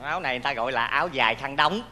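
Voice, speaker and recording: A man with a Southern Vietnamese accent performing a stage comedy sketch, exclaiming and teasing in an animated way. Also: medium pitch, very fast. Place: theater stage. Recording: reverberant stage hall, faint noise.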